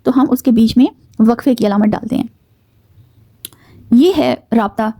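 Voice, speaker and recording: Woman teacher explaining grammar, kinda high voice, slows down on the important bits, dry close sound. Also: warm tone, no room sound. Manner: measured, slows down to stress key words; patient explaining with fillers. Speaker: Urdu teacher.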